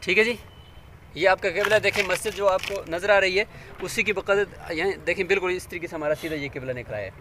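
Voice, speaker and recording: A man's voice: high-pitched, fairly quick, background noise. A man teaching a hands-on demonstration, patient and step by step, often asking his listeners to check along.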